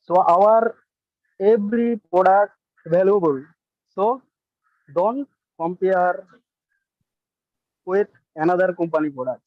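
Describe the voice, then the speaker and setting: Halting high-voiced man on a call. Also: no room sound. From Bangladesh. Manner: speaks in short broken phrases. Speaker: webinar caller. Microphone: video call. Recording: dull lo-fi dry call audio.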